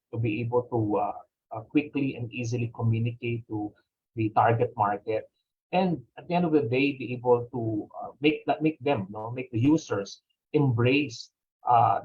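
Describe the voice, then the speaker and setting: A man's voice: medium pitch, slightly rough, narrow, tinny audio. A Filipino man answering interview questions conversationally and emphatically, often checking for agreement with short rhetorical tags. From Philippines. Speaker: fintech executive guest.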